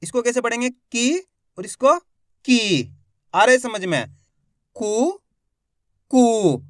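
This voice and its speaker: A man's voice: very high-pitched, animated, slow, bright, forceful tone, dry recording, clean studio sound. A man hosting an online Hindi lesson for beginners, who keeps reassuring the viewers and drills syllables one at a time, stretching the long vowels. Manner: emphatic, repeats assurances and calls the viewers 'friends'. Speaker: Hindi teacher, channel host.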